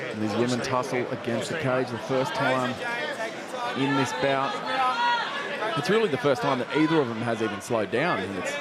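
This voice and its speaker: A man's voice: medium pitch, normal speed. A man doing live play-by-play commentary on a mixed martial arts fight. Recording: loud crowd noise behind commentary. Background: noisy fight crowd.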